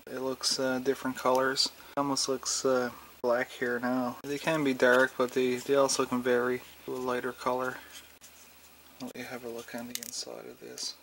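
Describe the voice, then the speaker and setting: A man casually narrating a food review in an unhurried, hesitant, low-key way. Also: poor audio. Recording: clear steady background noise.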